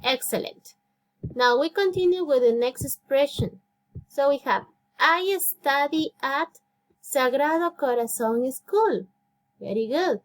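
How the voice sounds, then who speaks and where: Slow, high-voiced Ecuadorian woman teaching English. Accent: Spanish-speaking Ecuador. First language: Spanish. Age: 30s. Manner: patient, encouraging, repeats phrases slowly and praises often. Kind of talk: slow, clear classroom instruction.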